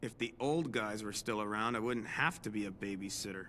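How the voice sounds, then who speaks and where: A woman's voice: extremely low pitch, fairly quick, a bit bright, slight background noise. A woman voicing a brash, easily exasperated young guild member who grumbles and complains, in a video game. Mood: grumbling. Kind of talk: English video game voice acting.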